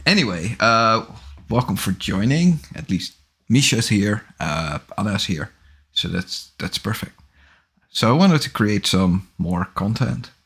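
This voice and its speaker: A man in his forties hosts a casual livestream from his small home office, speaking unhurriedly in a low, husky voice. He rambles in a relaxed way and corrects himself as he goes, talking into a large studio microphone on a boom arm while wearing headphones.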